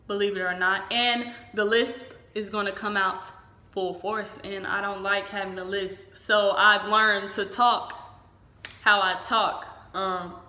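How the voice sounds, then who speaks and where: A woman's voice: fairly high pitch, pushed and bright. A woman chatting informally and frankly, giving casual advice as a vlogger. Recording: echoey room.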